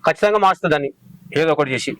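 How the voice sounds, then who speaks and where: Rapid-talking irritable man. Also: on the high side, fairly bright tone, rough recording. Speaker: father in comedy sketch. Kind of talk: scripted village comedy acting.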